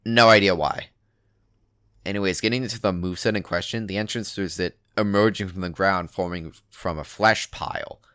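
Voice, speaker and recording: Male narrator for an internet horror read, lowish forceful voice, conversational and emphatic, dry sound. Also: steady tone, normal speed, smooth, no echo. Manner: casual, sweary, emphatic. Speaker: narrator reading a written forum post aloud. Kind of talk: dramatic reading of an internet horror story, conversational first-person narration.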